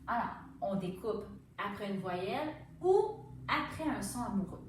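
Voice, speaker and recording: A woman with a Quebec French accent gives a gentle reading lesson to young children, slowing down to sound out each syllable. She stands a little away from the mic in a strongly echoing room, with faint ambience underneath. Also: medium pitch, very animated, recorded from a distance, a little hiss or hum. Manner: patient, sounding words out slowly. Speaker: teacher.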